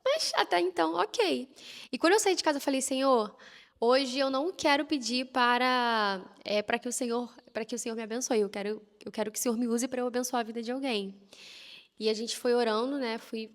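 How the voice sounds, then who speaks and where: A woman from Rio de talks quickly in a fairly high voice, animated as she acts out her story. Her voice carries a long reverb. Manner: animated, lively retelling with quoted prayers and laughs. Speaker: guest telling a personal testimony. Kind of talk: casual conversational storytelling.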